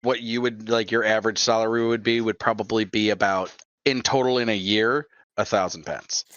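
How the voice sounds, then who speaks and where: A man's voice: lowish voice, fairly even intonation, moderate pace, a bit bright, no room sound. A man narrating a tabletop game as its game master, loose and casual, laughing often. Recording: dull, lo-fi and dry.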